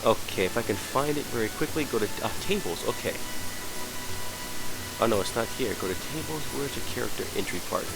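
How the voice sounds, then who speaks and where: A hungover, sick man giving an unscripted software tutorial, hesitant and apologetic as he searches around. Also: mid-range voice, animated, a little fast, creaky, loud music behind the voice, poor audio. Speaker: tutorial presenter.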